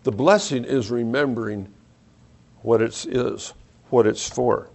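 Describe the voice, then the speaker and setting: A man preaching a sermon, reading scripture aloud and reflecting on it, often dropping his voice low on key points. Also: measured pace, gravelly. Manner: reflective, varies pace and loudness, drops low on key points.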